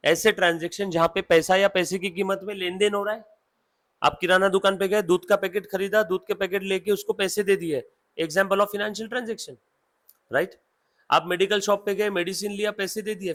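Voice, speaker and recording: A man from India teaching accountancy to a class, with a high-pitched voice. He switches between Hindi and English, keeps checking "yes or no?" with his students, and slows right down when he dictates notes. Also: a bit bright. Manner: mixes Hindi and English, asks students questions often. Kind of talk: classroom lecture.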